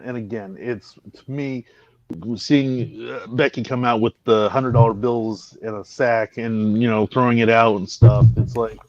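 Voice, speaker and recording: A man's voice: medium pitch, dry recording, lo-fi sound. A man co-hosting a podcast, rambling in casual chat and often trailing off. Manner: rambling, trails off, drops his voice. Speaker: podcast co-host.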